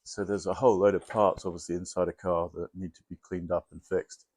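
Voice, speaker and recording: A man chatting casually in a garage workshop about restoring a car, relaxed and rambling as he explains plans. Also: low voice, fairly quick. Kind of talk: casual chat while working on a car.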